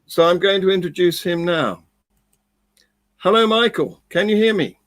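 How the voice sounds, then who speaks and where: A man hosting an online event, chummy and brisk with his guests. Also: high voice, animated, a bit bright, no room sound. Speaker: host.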